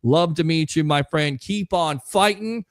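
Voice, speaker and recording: A man hosting a live sports talk stream, reading out chat comments and giving energetic shout-outs. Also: fairly high pitch, a little slow, dry recording, studio quality. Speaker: livestream sports show host.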